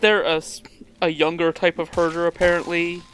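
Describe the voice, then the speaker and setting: A man hosting a video game let's play with casual commentary, explaining things in a hesitant, halting way. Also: fairly high pitch, level tone, fairly bright tone, rough recording. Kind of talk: casual group gaming commentary. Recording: faint background noise.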